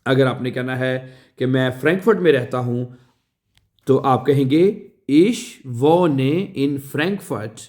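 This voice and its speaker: A man giving a language lesson, saying each phrase slowly and repeating it, often checking with "right?". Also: medium pitch, a little mellow. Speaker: language teacher.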